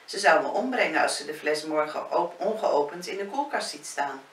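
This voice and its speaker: A woman reading the lines of a wry, gently teasing man in a spoken novel. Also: sits low, expressive, normal speed. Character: male villa owner, wry and gently teasing. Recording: roomy, distant, faint hiss.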